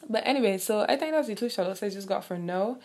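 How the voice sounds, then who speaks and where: Young Barbadian woman, solo podcast host, blunt and animated, curses freely, mid-pitched. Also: fast. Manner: frank, swears freely, animated rants. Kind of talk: casual solo podcast chat.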